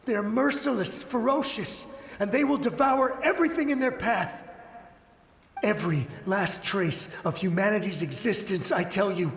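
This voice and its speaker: An actor playing a desperate, wounded soldier who pleads urgently. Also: male voice, high voice, normal speed, gravelly, fairly bright tone. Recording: echoey reverberant space.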